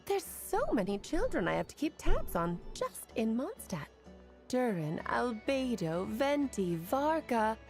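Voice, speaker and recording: Breezy mage mother, high and lively. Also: unhurried. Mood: doting, cheerful. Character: breezy, doting mage mother, playful and self-assured. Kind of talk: video game voice acting. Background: music.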